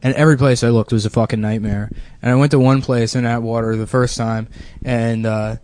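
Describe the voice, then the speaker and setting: A man's voice: medium pitch, steady tone, fairly quick, darkish tone, clear, resonant tone. A young adult man rambling through a casual comedic story on a podcast, with lots of fillers. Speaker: podcast co-host.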